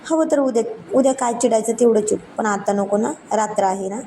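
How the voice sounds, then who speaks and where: Woman narrator doing a soft, coaxing young husband with a mellow voice; storybook read-aloud. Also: fairly high pitch, fairly quick, slight background noise, natural voice. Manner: coaxing, pleading softly. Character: affectionate teasing young husband.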